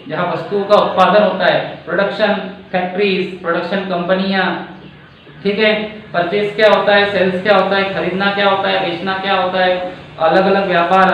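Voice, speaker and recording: A male teacher from India explaining a lesson slowly, using everyday examples and often checking in with his students. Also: high voice, fairly bright tone. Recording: echoey room, distant mic, faint noise.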